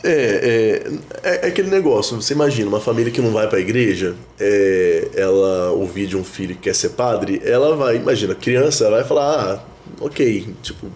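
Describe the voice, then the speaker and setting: Man in his thirties, a priest, low voice, thoughtful chat with lots of restarts, slight hiss underneath. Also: moderate pace, a little mellow. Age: 30s. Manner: reflective, many fillers and restarts. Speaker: priest, guest. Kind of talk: casual conversation.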